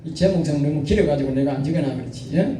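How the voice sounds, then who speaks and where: A man's voice: fairly high pitch, quick pace, dark tone, slight background noise. A male pastor preaching a sermon, exhorting the congregation and often asking them to respond. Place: church sanctuary. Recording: echoey church hall from far off.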